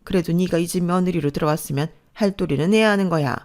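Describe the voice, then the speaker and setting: A woman's voice: lowish voice, quick pace, a little mellow, lightly acted. A woman voicing a harsh, domineering grandmother-in-law in her old age who talks in a scolding, scornful way.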